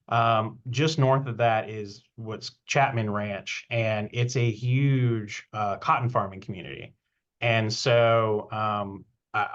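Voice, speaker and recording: A man giving a casual technical presentation on a webinar, relaxed and hesitant, with many ums and uhs. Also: on the low side, highs cut off.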